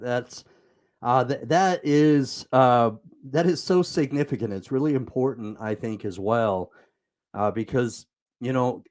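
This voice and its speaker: Guy hosting an interview, rambly, lots of uhs, mid-pitched voice. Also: a little mellow. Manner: rambling, hesitant, many fillers. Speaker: show host. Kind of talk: casual interview talk.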